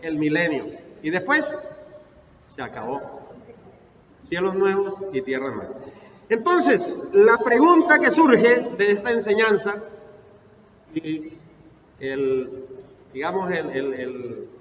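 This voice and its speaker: A man preaching a sermon as pastor, asking rhetorical questions and reading scripture aloud with slow emphasis. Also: sits high, lively intonation, fairly bright tone, slight background noise. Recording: echoey hall, distant mic, muffled sound.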